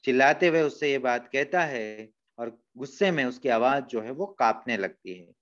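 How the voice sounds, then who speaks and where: A man's voice: medium pitch, expressive, moderate pace, a bit bright, muffled recording. A male school teacher explaining a story in a class lesson, patiently retelling and explaining lines.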